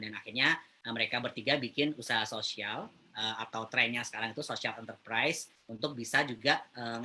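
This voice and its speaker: A man presenting a webinar in a casual, chatty way, often pausing with hesitant fillers as he addresses the viewers. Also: mid-range voice, sharp tone. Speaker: webinar speaker.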